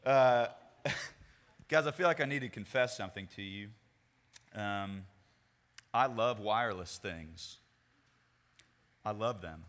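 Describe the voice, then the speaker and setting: Joking young male youth speaker, bright voice. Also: on the low side, slow pace, pauses often. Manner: joking, rambling, self-deprecating. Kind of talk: casual youth sermon. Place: large meeting room with a crowd. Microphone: handheld microphone. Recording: hall reverb.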